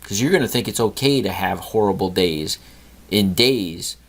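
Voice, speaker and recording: A man's voice: lowish voice, animated, normal speed. A middle-aged man hosting a podcast, telling an earnest story about a talk with his son and lecturing on gratitude. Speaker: podcast host. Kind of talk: storytelling monologue.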